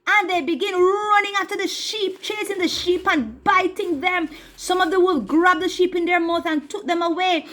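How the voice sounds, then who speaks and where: A woman telling a children's story with a puppet, lively and asking the young audience questions. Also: extremely high pitch, normal speed, few pauses. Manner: animated, addresses children directly with questions.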